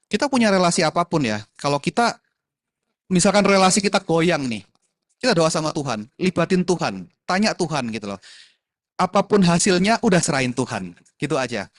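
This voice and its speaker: A man's voice: fairly high pitch, expressive, a little fast, no room sound. Chatty man. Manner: chatty, mixes in English words, addresses the audience as friends. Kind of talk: casual talk to a youth group.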